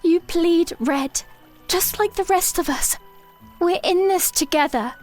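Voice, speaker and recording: A woman playing a proud, defiant young princess in an audio drama, firm and measured, with formal phrasing. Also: very high-pitched, a little mellow, faint music behind.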